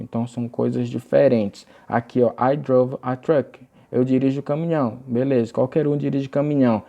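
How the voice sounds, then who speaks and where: A young man teaches English grammar in a recorded video lesson, patiently explaining and reading example phrases aloud slowly. His medium-pitched voice is warm yet creaky, and the audio sounds dull.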